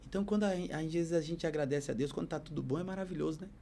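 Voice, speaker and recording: A man's voice: a little high, rapid-fire, warm tone, slight background noise. A man, a podcast guest telling his life story as a heartfelt, preacherly testimony. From Bahia, Brazil.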